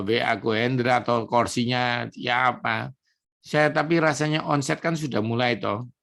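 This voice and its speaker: A male pastor delivers an evening prayer sermon. He preaches emphatically, turning from solemn scripture reading to loose, conversational asides to the congregation. His voice sits at a middle pitch for a man. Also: creaky, fairly bright tone.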